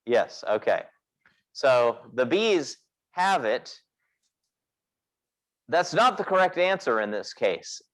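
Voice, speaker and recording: A man's voice: medium pitch, very animated, takes it slowly, pauses often, fairly bright tone. A man teaching a physics class, explaining step by step and asking the class questions as he goes. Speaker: physics instructor. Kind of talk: lecturing in a class meeting. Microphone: recorded class session.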